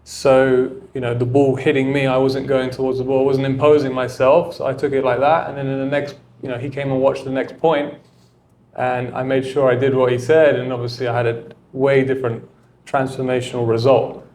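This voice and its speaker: A man's voice: mid-range voice, flat delivery, brisk, darkish tone, a little hiss or hum. Reflective male coach in casual interview. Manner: reflective, loose with filler words. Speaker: tennis coach and mentor, guest.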